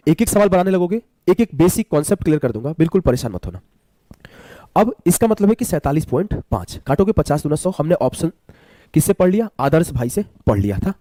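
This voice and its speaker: Unwell man teaching maths, lively. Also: a little high, fairly quick, dry recording. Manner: repeats key terms, asks and answers his own questions. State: unwell, speaking slowly. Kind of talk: live online exam-prep class.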